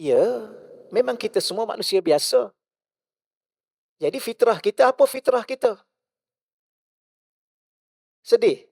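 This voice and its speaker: A male religious teacher with a Malaysian Malay accent, giving a mosque lecture full of rhetorical questions, shifting between loud and hushed. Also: high-pitched, expressive, unhurried, creaky, pauses often, no room sound, studio quality.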